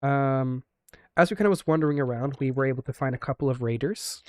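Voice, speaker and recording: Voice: mid-range voice, fast talker, darkish tone, no room sound. Streamer person telling the story so far, lots of um and like, teasing, dry close mic. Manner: rambling, filler-heavy, teasing. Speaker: streamer recapping a roleplay story. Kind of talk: casual roleplay storytelling.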